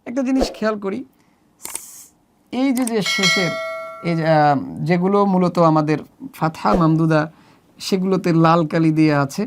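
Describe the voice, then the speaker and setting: A man with a Bangladeshi accent teaching children Arabic letters, spelling each sound slowly and deliberately in a drill. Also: on the high side, creaky. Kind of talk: slow spelling drill lesson.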